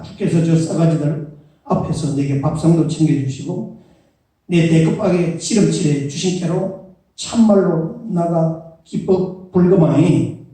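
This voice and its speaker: A man's voice: on the high side, mellow, recorded from a distance, voice pushed up, close to an everyday voice. A man putting on a folksy Jeolla-dialect voice, drawling and exclamatory, recorded in an echoey church hall. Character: boisterous man from the southwest, folksy.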